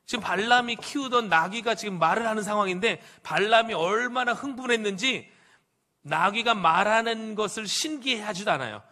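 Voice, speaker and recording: A male pastor preaching a sermon, telling the story in an animated way with rhetorical questions to the congregation. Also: high voice, moderate pace. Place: church sanctuary.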